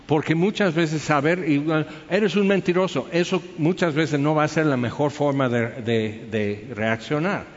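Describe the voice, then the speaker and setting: A man with a Mexican accent preaching a sermon, animated, firing off rhetorical questions and acting out the people he quotes. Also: fairly high pitch, a little slow, few pauses. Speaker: pastor. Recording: echoey hall, dull lo-fi sound.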